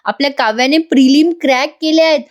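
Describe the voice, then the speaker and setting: A woman reading out the lines of a caring young wife in a family serial, scolding gently and reassuring. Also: sits high, quick pace, lo-fi sound, lightly acted.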